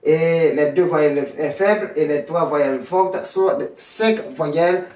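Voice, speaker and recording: Language teacher, slow and repetitive, recorded at a distance in a roomy space. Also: medium pitch, darkish tone. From Haiti. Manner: repetitive drilling, spells words out slowly and repeats them. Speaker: Spanish teacher. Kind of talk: classroom lesson. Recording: roomy echo, distant from the mic.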